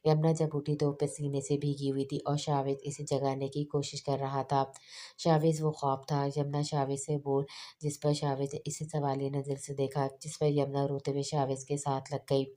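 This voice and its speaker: A woman narrating a romance novel as an audiobook with an even, unhurried pace. Her voice is very low and mellow, and her lines stay level with little rise and fall.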